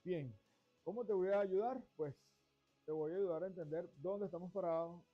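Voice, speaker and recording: A man's voice: high-pitched, normal speed. A middle-aged man from Venezuela hosting a finance show, talking at length in a discursive way that restarts phrases. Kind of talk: monologue to camera. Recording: dull lo-fi sound with faint music.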